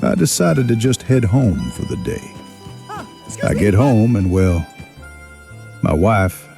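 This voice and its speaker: Man as a gravelly, slow-drawling western outlaw. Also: lowish voice, big pitch swings, over music, exaggerated voice. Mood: weary, regretful. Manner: folksy drawl, wry and unhurried. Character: young male outlaw drifter recounting his rough life, rueful. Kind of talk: scripted first-person western narration.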